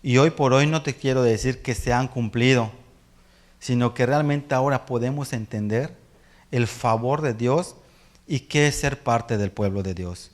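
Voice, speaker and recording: Mexican pastor telling family stories. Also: male voice, medium pitch, unhurried. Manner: animated storyteller, acts out family voices and laughs often. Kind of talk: sermon with personal storytelling.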